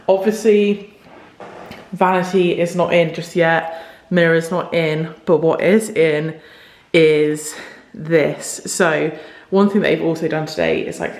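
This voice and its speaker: A woman's voice: on the low side, a little mellow. A woman vlogger chatting casually on camera while showing a tiled bathroom, her voice echoing off the hard walls. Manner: chatty, with repeated intensifiers. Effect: room echo from tiled bathroom. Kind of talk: casual home renovation vlog. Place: echoey tiled bathroom, indoors.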